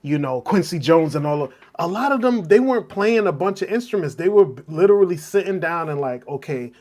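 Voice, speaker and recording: A man's voice: a little high, expressive, a little fast, a little mellow. A man in his early forties hosting a casual chat, loose and talkative, who keeps checking in with his listener. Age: 40s. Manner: loose and chatty, often asks "you know what I'm saying". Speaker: podcast host.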